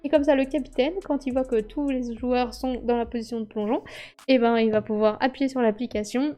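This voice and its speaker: Bubbly high-voiced woman board game streamer. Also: darkish tone. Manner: bubbly, laughs often, acts out quotes. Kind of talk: casual live-stream game review. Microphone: streaming microphone.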